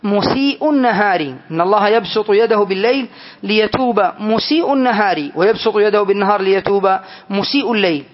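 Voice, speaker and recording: A man teaching a grammar lesson to students, explaining slowly and deliberately and often putting questions to the class. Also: high-pitched, dull audio.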